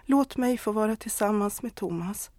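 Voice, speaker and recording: A woman's voice: medium pitch, darkish tone, no echo, close to an everyday voice. A woman voicing a married woman who confesses a love affair, earnest and pleading, close to tears. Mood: torn.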